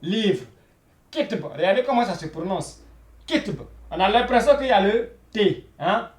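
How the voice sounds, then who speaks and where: A man's voice: sits high, animated, normal speed. A man teaching a beginner Arabic lesson, repeating each word and checking in with frequent "voilà" and "hein?". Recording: echoey room.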